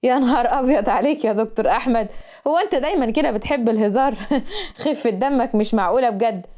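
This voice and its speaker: A woman's voice: on the high side, quick pace, a little mellow, lightly acted. A woman voicing a teasing young male student with an Egyptian accent. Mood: cheeky. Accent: Egyptian Arabic. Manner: teasing, cheeky.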